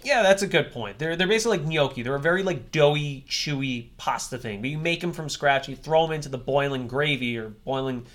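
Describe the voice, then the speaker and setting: A man's voice: fairly high pitch, fairly quick, hardly any pauses, a bit bright. A man co-hosting a podcast in casual, rambling, wry chat, swearing freely. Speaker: podcast co-host.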